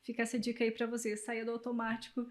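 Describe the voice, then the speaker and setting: Brazilian woman, high voice, coaching people on how to talk, punchy and emphatic. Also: completely flat delivery, fast talker. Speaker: guest, communication specialist and public speaker. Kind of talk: interview advice.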